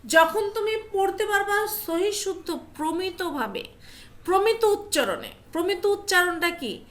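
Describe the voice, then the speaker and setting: High bright-voiced woman teacher on an online class, keeps asking the kids questions, drops english words in. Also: animated, measured pace. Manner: coaxing, asks students questions, mixes English phrases.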